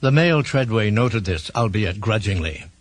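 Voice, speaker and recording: Man, audiobook narrator, measured delivery, husky, low-pitched. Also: expressive, no echo. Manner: measured storytelling. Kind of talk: scripted narration.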